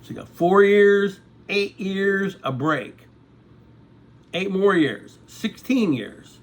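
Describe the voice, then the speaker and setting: A vlogger in his sixties rambles through a casual monologue to his viewers, conversationally checking in by repeatedly asking "okay?". His voice is high-pitched and animated, his pace slow, and the recording is rough.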